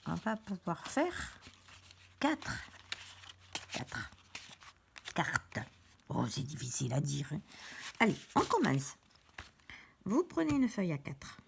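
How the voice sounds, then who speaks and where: A woman's voice: on the high side, slight background noise. A woman giving a chatty step-by-step card-making lesson at her craft table. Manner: chatty, step-by-step, with small restarts. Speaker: craft teacher.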